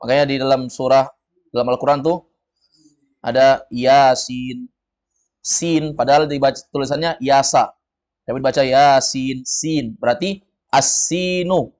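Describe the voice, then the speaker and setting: A man teaches an Arabic lesson to a group and has them repeat each word. His voice sits at an ordinary middle pitch. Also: steady tone, unhurried, pauses often, darkish tone. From of Padang descent. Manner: drills words, students repeat. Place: study room with a group.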